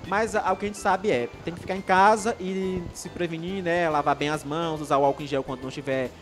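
With quiet music in the background, a young man from Maranhão, Brazil, runs a live online show in Brazilian Portuguese with his home region's accent. His voice sits on the high side, with fairly even intonation and a brisk pace. He chats casually and cheerfully, reads viewer comments, and rambles with many restarts.

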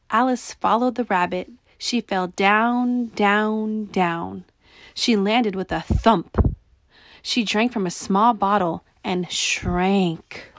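A woman in her thirties reads a children's picture book aloud, slow and unhurried. Her delivery is gentle and clear, with an even middle pitch. The recording is close and dry, with no room sound. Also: no room sound. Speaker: podcast host and reader.

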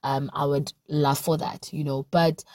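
A woman hosting a solo wellness podcast in an earnest, reflective way. Her voice is deeper than usual because she has just woken up, and she stretches words out for emphasis. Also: flat delivery, a little slow, a little mellow, no echo, studio quality. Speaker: podcast host.

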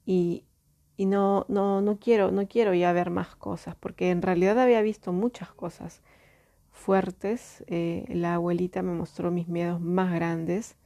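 A woman telling a personal story in a reflective, halting way, often restarting her sentences. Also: lowish voice, level tone, dark tone.

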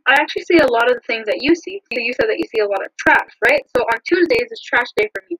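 A woman co-hosting a podcast in a casual, scripted chat with frequent ums, recorded over a low-quality phone line. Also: expressive, quick pace, fairly bright tone, breathy edge, no echo. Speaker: podcast co-host. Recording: muffled dry phone-line audio.

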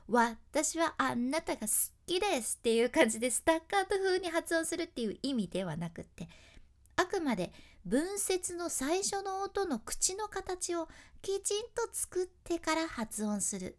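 A woman who works as an announcer, giving a chatty, step-by-step lesson on speaking and acting out example phrases. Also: high voice. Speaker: announcer teaching speaking skills. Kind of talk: casual instructional talk.

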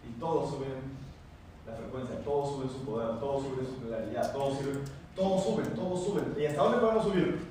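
A man giving an animated motivational talk to an audience, repeating phrases and asking questions. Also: medium pitch, fairly quick. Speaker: motivational speaker. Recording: very echoey room, mic far off, faint noise.

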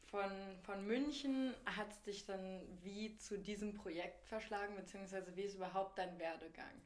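A woman hosting a casual interview podcast, asking relaxed follow-up questions. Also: medium pitch, normal speed. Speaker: podcast host. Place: her living room. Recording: echoey home room.

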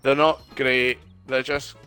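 A man's voice: mid-range voice, flat delivery, slow, pushed and bright, smooth, soft background music. A man in casual chat over a board game, laying out his opinion step by step. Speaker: podcast co-host.

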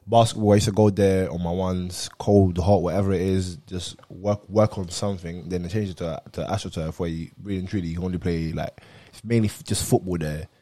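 Young male, London roadman accent, dark relaxed tone, casual slangy chat. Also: sits low, a little fast, hardly any pauses. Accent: London roadman, multicultural London street. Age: young adult.

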